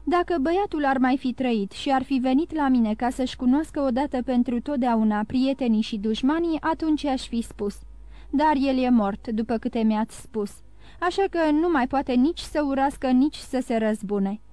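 A woman's voice: sits high, mellow, no room sound, voice pushed up, lightly acted. Woman voicing a grumbling greedy innkeeper. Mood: scheming. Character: greedy, wavering old male innkeeper.

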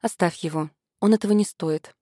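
A woman's voice: fairly low pitch, brisk, mellow, dry recording, studio quality, lightly acted. A woman voicing a resolute young noblewoman who makes firm, clipped demands in a read-aloud story. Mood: pleading.

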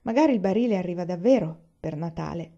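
A cheerful pioneer father from a storybook, steady and reassuring, as a woman reads him out. The voice is mellow and warm, and the recording sounds dull and lo-fi. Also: fairly low pitch, fast talker. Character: cheerful resourceful pioneer father, grown man.

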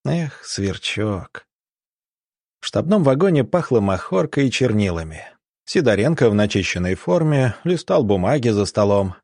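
A man narrating an audiobook in a steady, even storytelling manner. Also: mid-range voice, a little fast, no echo, studio quality. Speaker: audiobook reader.

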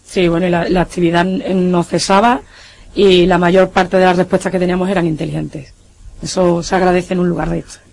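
A woman, a guest investigator on a radio show, calmly explaining recordings. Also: on the low side, brisk, vocal fry. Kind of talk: radio interview.

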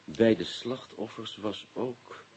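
In a Dutch radio drama, a male actor plays a shrewd police inspector, posing clipped, politely insistent questions and muttering to himself in a musing mood. His voice is lowish, slow and a little mellow, and the old radio recording is dull and noisy.

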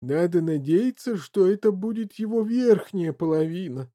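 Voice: mid-range voice, expressive, normal speed, mellow, voice pushed up, lightly acted. A reader voicing a gloomy, irritable middle-aged father in an audiobook. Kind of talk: audiobook character reading.

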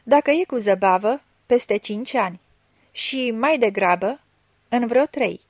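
A woman reading the part of a gruff, grumbling fortune-telling healer, a convict, in a story. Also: on the high side, animated, no echo. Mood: grim. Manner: grumbling, curt.

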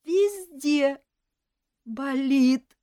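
A woman's voice: high voice, extremely slow, warm tone, no echo, studio quality, pitched above the performer's own voice. A woman voicing a melodramatic young male elf with a cold, whimpering, sniffling and wailing about his pain. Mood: whining. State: stuffy nose from a cold. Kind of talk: audiobook character voice.

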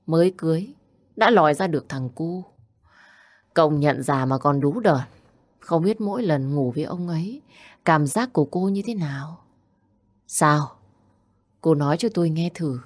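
A woman's voice: low voice, lively intonation, a little slow, pauses often, no room sound. A woman voicing a spiteful young woman who taunts and insults in an audio story. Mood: taunting. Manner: taunting, insulting, picking a fight.

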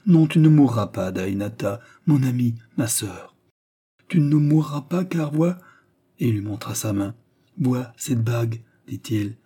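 Pleading nobleman, fervent bursts, mellow dark voice, read by a man. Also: lowish voice, steady tone, measured pace, gravelly, husky, exaggerated voice. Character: tender, passionate nobleman, a marquis.

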